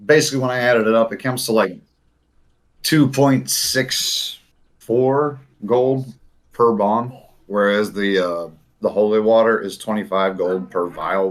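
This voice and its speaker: A man chatting casually as a player in a tabletop game, rambling with many fillers and restarts. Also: on the low side.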